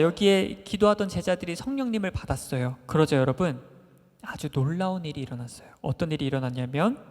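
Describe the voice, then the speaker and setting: An animated children's preacher tells a Bible story to young listeners, asking them questions and piling up excited little fillers. The voice sits at a middle pitch and rings out with a long hall reverb, as in a large church room.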